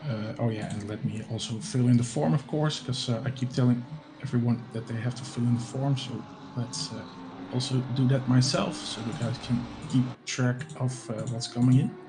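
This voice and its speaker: Tired man rambling softly on a stream. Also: mid-range voice, steady tone, moderate pace. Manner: soft, rambling, many hesitant fillers. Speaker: sim racing charity stream host. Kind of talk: casual live-stream chat. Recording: noisy with background hum.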